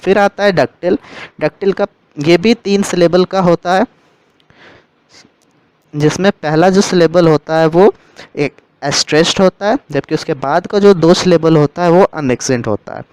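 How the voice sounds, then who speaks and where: A man gives a literature lesson, moving patiently from term to term and rephrasing each one. His voice is clear and crisp, and sits slightly high for a man. The sound is dry and close, with no room around it. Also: moderate pace, no room sound, rough recording. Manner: steady explanatory, repeats and rephrases terms. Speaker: literature teacher. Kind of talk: explaining a lesson in Hindi with English terms.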